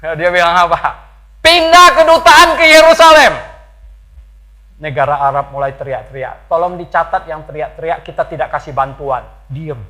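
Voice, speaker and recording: An older man preaching a sermon, swinging between loud emphatic peaks and low asides, and asking the congregation rhetorical questions. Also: steady tone, a little fast, hardly any pauses, rough recording. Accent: Indonesian. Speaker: pastor.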